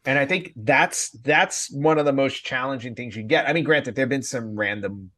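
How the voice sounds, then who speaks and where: Male podcast co-host, mid-pitched, loose and rambling delivery. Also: moderate pace, a bit bright. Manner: thoughtful, rambling with many restarts and "like". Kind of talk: casual chat.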